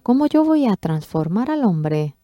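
A woman interpreting a sermon testimony, expressive, acting out quoted speech with sudden jumps in pitch. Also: measured pace, no room sound, highs cut off.

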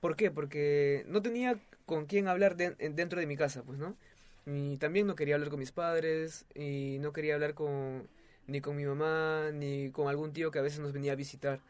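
A young man tells his story in an interview. He speaks in a somewhat high voice, hesitant and full of fillers and restarts. The recording is dry and close. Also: steady tone, moderate pace, no echo. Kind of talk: testimony in a casual interview.

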